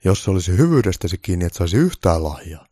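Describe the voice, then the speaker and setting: A man voicing a calm, blunt old Santa Claus who speaks firmly and matter-of-factly, louder and a bit higher than his own voice. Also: no room sound. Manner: dry, matter-of-fact, firm.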